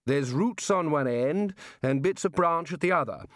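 A man puts on an older, blustering wizard with a high, loud and exasperated voice. He sounds forever impatient. The recording is close and dry. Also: animated, normal speed, dry recording.

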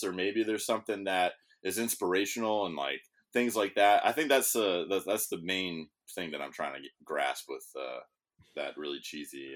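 A man with a low voice hosts a casual podcast. He rambles from topic to topic, swears freely and restarts his sentences, talking into a studio microphone. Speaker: podcast host.

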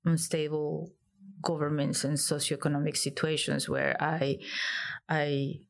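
A woman from Peru, a guest artist in an interview, speaking thoughtfully with frequent pauses and fillers. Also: deep voice, level tone, gravelly. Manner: hesitant, thoughtful, many fillers. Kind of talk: interview conversation.

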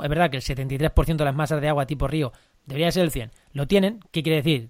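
Fast-talking podcast host. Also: male voice, on the high side, a little mellow, dry recording, clean studio sound. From La Mancha, Spain. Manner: fast, enthusiastic explaining with restarts. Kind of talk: casual podcast chat.

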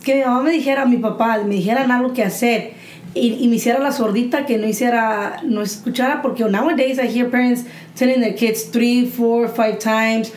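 Frank, animated woman in an echoey room. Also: on the high side, fast talker. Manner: animated, frank storytelling with swearing. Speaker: podcast participant. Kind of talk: casual chat. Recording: echoey room with faint noise.

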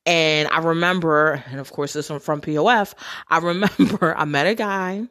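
A woman hosts a casual storytelling podcast, candid and sassy, swearing freely and laughing often. She calls her listeners sisters and girl. Her voice sits low with a fairly bright tone, at a normal speed.

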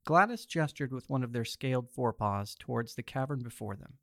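A man's voice: medium pitch, lively intonation, brisk, gravelly, no room sound, clean studio sound. A man hosting and narrating an audio story collection in a theatrical storyteller manner. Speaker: host and narrator.

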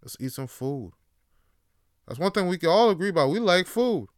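Guy ranting on his podcast, cussing a lot, smooth voice, dry close sound. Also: very animated, moderate pace, no room sound. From Toronto, Canada. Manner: profane, rambling, swings between loud outbursts and low musing. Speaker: podcast host. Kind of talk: solo casual rant.

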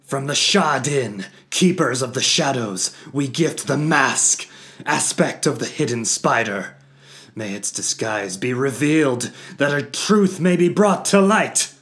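A man voicing a stern father who loudly declaims the incantations of a dark ritual in a fantasy audiobook. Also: medium pitch, slow, voice pushed up. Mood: solemn chanting.

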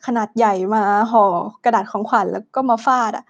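Young woman, high-pitched, frank crude chat with English words, muffled recording. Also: steady tone, fairly quick. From Thailand. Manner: outspoken, crude slang mixed with English words. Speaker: podcast co-host. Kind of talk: casual chat.

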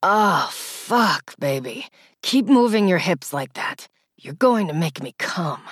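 A woman voicing a cocky, dominant young man in an audiobook, speaking in a low murmur. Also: lively intonation, slow pace, slightly rough, dry recording, clean studio sound, exaggerated voice. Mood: husky, commanding.

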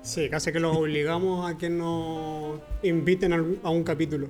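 Young Chilean man, high voice, relaxed guest, faint music behind. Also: normal speed. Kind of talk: casual chat over a call.

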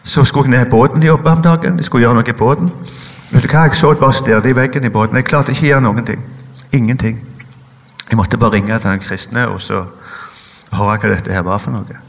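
Halting man giving a testimony. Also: mid-range voice, fairly even intonation, big-room sound. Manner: hesitant, halting storytelling with many fillers. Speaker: guest giving a personal testimony. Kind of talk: emotional spoken testimony.

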